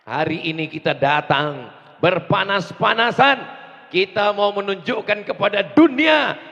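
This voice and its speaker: A man preaching a fiery rally sermon, slow and emphatic, with call and response, rising to shouts. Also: sits high, expressive, gravelly, dull audio. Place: large outdoor rally. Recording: distant echo over crowd loudspeakers.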